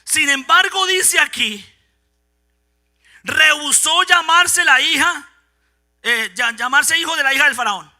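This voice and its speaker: A man gives a fiery Pentecostal sermon in a church sanctuary, his very high voice sharp and bright. He takes his time with long pauses, dropping to quiet asides and then building to shouts.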